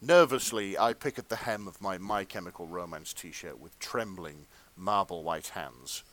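A man's voice: low voice, measured pace, fairly bright tone, low-quality recording. A man hosting a comedy podcast, reading fan fiction aloud with mock seriousness. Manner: mock-earnest reading, breaking into laughter. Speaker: podcast host.

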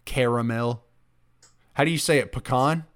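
A man's voice: mid-range voice, lively intonation, normal speed. A man, hosting a casual podcast, teasing and exclaiming often. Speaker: podcast host.

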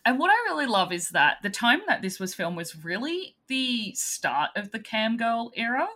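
Casual podcast co-host: woman, very animated pitch, bright voice, agreeable and quick to laugh. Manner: lively, agreeable, laughs often. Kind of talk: casual chat.

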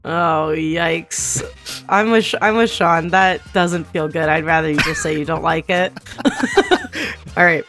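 A woman's voice: lowish voice, takes it slowly, over music. A woman co-hosting a podcast, chatting casually and laughing often, then recapping a movie plot. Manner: laughs often, relaxed, uses filler like. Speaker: podcast co-host.

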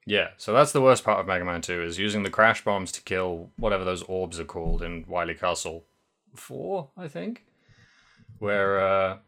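A young man co-hosting a podcast chats casually about a video game, rambling, correcting himself, and swearing now and then. His voice sits on the low side with a fairly bright tone.

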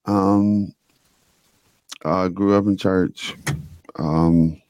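A man's voice: sits low, fairly even intonation, extremely slow, darkish tone, clear, resonant tone, no echo. A man from Detroit, an actor on a podcast as a guest, laid-back in casual chat. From Detroit, USA.

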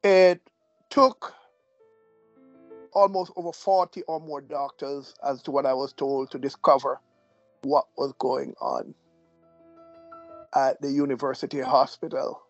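A man from Jamaica with an announcer-like voice, telling his life story as a guest in a measured, gently humorous way. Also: medium pitch, fairly even intonation, faint music behind. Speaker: guest, deacon. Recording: dull, dry audio.

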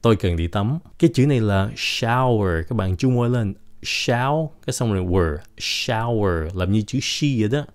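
Low-voiced man teaching English pronunciation. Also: a little mellow. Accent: Vietnamese. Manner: explains slowly and repeats words, switching between Vietnamese and English. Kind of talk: pronunciation lesson podcast.

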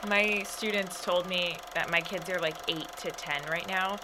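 A woman's voice: lowish voice, steady tone, moderate pace, heavy background noise. Giggly woman between takes. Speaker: voice actor; teacher. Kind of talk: casual chat between takes.

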